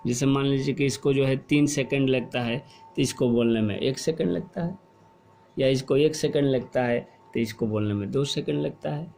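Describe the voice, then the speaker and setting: A middle-aged man teaching a class, explaining slowly and asking questions, then repeating the answers. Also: medium pitch, creaky, darkish tone, faint music behind. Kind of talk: classroom lesson.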